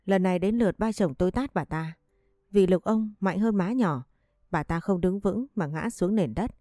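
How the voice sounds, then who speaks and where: A woman reading a family drama story aloud in a steady storytelling voice. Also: medium pitch, moderate pace, no room sound. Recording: dry close voice with faint music behind.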